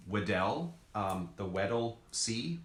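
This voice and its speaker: A man's voice: on the low side, animated, slow pace. A man co-hosting a children's lesson as a zoologist, explaining things casually and simply in short pieces. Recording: echoey room, background noise.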